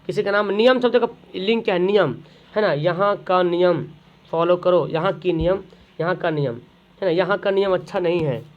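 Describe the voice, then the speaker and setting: A man's voice: sits high, lo-fi sound. A man, tutoring students through exam questions, repeating each question and then answering it himself.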